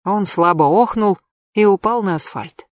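A woman narrating a comic crime novel in the first person, in a lively, ironic storytelling manner. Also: medium pitch, a little slow, dry recording. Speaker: audiobook narrator.

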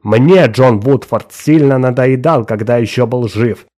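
A man's voice: mid-range voice, unhurried, darkish tone, natural voice. A man voicing a harsh, contemptuous boss woken at night, curt and barking. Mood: angry scorn.

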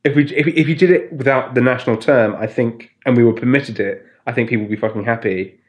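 A man co-hosting a casual political comedy podcast. He rambles through his points with sardonic asides and laughs often. His voice sits at a middling pitch. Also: fast talker. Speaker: podcast co-host.

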